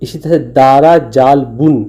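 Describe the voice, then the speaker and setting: A man's voice: mid-range voice, a little slow, dark tone, highs cut off. A man teaching Urdu letters over slides, patiently sounding out letters and syllables one by one. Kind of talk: recorded lesson explaining a slide.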